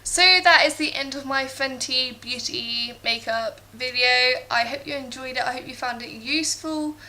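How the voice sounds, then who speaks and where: Tipsy female beauty vlogger, bright forward tone, gushing casual review, faint hiss behind. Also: high-pitched, normal speed. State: tipsy after drinks. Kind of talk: casual makeup review to camera. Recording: clear background hiss.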